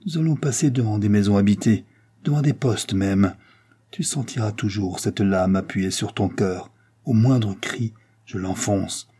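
A man's voice: on the low side, unhurried, warm tone, husky. A man voicing a stubborn, grim Breton servant with a grave, menacing manner.

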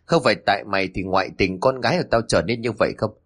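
A man voicing an angry older father who scolds in harsh, rapid bursts, in a spoken story. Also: fairly low pitch, a bit bright, slightly rough. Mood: furious.

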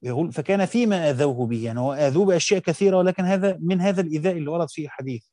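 An Egyptian man gives a quick-paced lesson, reading passages aloud and then explaining them in everyday speech. His voice is mellow and dark, recorded close and dry with no room sound. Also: on the high side, dry recording. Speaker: teacher. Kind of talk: reading and explaining a classical text.

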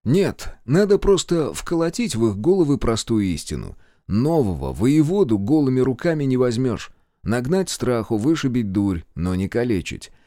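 Warm, lively male audiobook narrator. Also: medium pitch, moderate pace, no room sound, clean studio sound. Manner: expressive, wry storytelling. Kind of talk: first-person fantasy audiobook narration.

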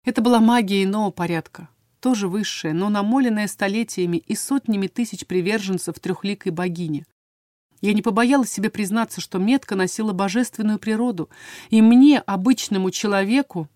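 Casting: woman audiobook narrator, expressive first-person reading, mid voice, dry close studio sound. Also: mid-range voice, no room sound.

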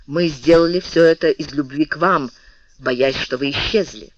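Meek apologetic officer, read by a man, quiet and lowish, dull dry sound. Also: moderate pace, slight background noise, lightly acted. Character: humbled male officer, apologetic.

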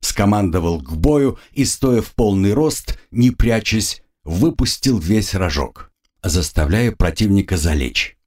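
Husky low-voiced male narrator. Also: expressive, unhurried, darkish tone. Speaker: audiobook narrator. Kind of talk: scripted narration.

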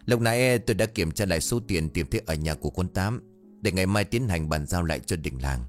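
A man's voice: low voice, lively intonation, brisk, soft background music. A man voicing a stern, skeptical older village official who lectures and scolds in an audio horror story. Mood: weary.

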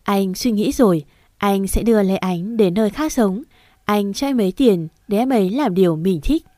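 A woman reading the lines of a tender, earnest young husband in a storybook romance, in a gentle, reassuring way. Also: mid-range voice, normal speed, dry recording, studio quality, natural voice.

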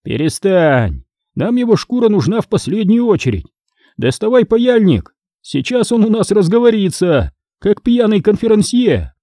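A man's voice: high-pitched, very animated, moderate pace, dry recording, clean studio sound, pitched above the performer's own voice. A man voicing a brash young male thug who mocks and threatens his victim. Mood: jeering. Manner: mocking, coarse, loud.

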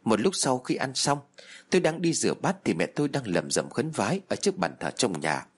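A man's voice: mid-range voice, sing-song, fairly quick, breathy edge. A man narrating a spooky first-person horror story in a tense, dramatic storytelling manner.

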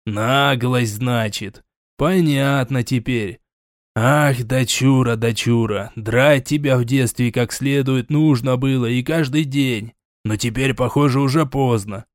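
A man's voice: mid-range voice, takes it slowly, no echo, clean studio sound, close to an everyday voice. A man voicing a stern older prince who scolds, sighs and turns suspicious. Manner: scolding, sighing, sarcastic.

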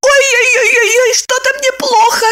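A woman voicing a theatrical, cunning young wife with a high, whiny, melodramatic voice. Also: steady tone, unhurried, sharp tone, full character voice. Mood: feigning sickness.

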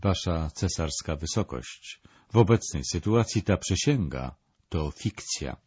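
A grave, blunt army general delivering bad news formally and solemnly, voiced by a documentary narrator. The voice is low and slightly husky. The sound is dry and dull. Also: male voice, expressive, measured pace, darkish tone, no room sound, exaggerated voice.

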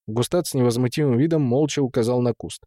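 Mellow-voiced male audiobook narrator. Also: mid-range voice, fast, no echo, studio quality. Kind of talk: scripted narration.

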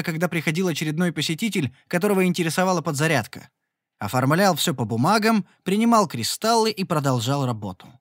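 A man narrating a first-person fantasy audiobook in an expressive, exasperated storytelling manner. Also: high voice, no room sound, studio quality.

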